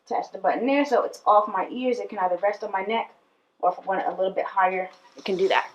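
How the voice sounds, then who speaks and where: A young woman who works as a PE teacher hosts a casual talking-head video, giving tips straight to camera from a small room with a plain wall. Her mid-range voice is fairly even in intonation, she talks fast, and she's chatty and direct, addressing viewers with frequent fillers. The audio is dull.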